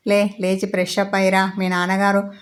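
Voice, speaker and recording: A woman reading the part of a loving middle-aged mother in a story, gently coaxing and teasing her son. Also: mid-range voice, completely flat delivery, a little fast, close to an everyday voice. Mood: tender.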